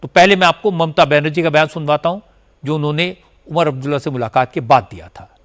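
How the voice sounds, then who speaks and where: Male news anchor with a slightly high voice, crisp and emphatic. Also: quick pace, fairly bright tone. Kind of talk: news narration.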